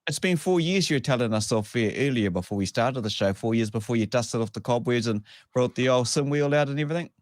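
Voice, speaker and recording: A male host with a broad New Zealand accent chats casually about sport. He is blokey and slangy, with a mid-pitched voice in a dry recording. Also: expressive, quick pace, few pauses, no echo. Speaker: show host. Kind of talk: casual sports chat show.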